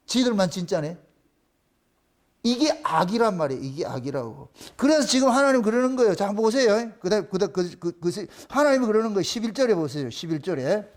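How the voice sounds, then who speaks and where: A man's voice: high voice, animated, brisk. A male pastor with a Gyeongsang Korean accent, preaching a sermon in an emphatic, mocking way, full of rhetorical questions.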